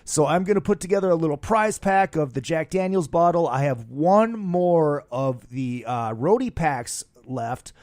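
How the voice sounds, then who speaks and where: A man's voice: fairly high pitch, expressive, measured pace, few pauses, a little mellow, dry recording. A hungover man hosting a rock podcast in a studio, rambling through casual plugs in a brash, profane, slangy showman's way. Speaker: podcast host.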